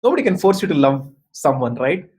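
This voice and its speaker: A man's voice: on the high side, very animated, brisk, a little mellow. A man with an Indian accent giving an explanatory talk as a workshop mentor, emphatic and repetitive, often checking in with his listeners. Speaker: workshop speaker, design mentor. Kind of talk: explanatory talk answering questions.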